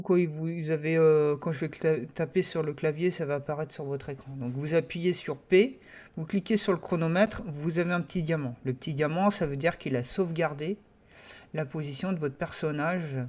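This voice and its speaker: Voici un homme qui enseigne un logiciel dans un tutoriel enregistré sur écran. Sa voix est légèrement aiguë pour un homme. Il a un français, il hésite souvent et il décrit chaque clic au fur et à mesure. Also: male voice, fairly high pitch, moderate pace, a little mellow. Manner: hesitant, many fillers, talks through each click. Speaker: software tutorial teacher. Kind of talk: screen-recorded software tutorial.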